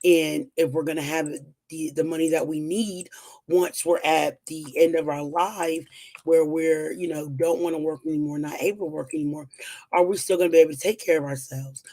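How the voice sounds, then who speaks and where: This young woman has a deep, dark voice with fairly even intonation and a normal pace, though it sounds strained and still recovering after she lost it. Hosting her weekly livestream as a financial educator, she teaches personal finance at a whiteboard in a casual, chatty way, full of "um"s and bright encouragement.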